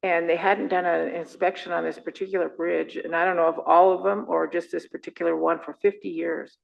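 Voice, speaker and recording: A woman's voice: fairly low pitch, level tone, brisk, gravelly, muffled recording. A woman council member giving earnest, rambling remarks at a meeting.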